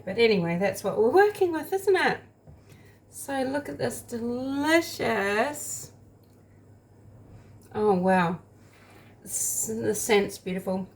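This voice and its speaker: A woman chatting casually through a home baking taste test, rambling and talking while she eats. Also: medium pitch.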